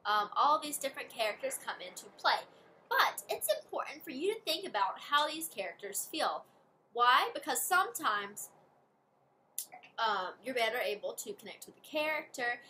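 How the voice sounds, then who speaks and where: A woman's voice: high-pitched, sing-song, normal speed, pushed and bright, slight background noise. A woman teacher giving a read-aloud reading lesson to children, explaining step by step in a friendly way.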